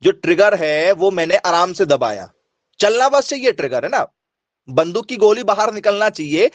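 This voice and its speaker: A male teacher with a fairly high voice runs an online class, repeating each point and firing questions at his students. His voice is recorded dry and close, with no room echo. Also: very animated, moderate pace. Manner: repetitive, quizzing students, asks for yes or no replies.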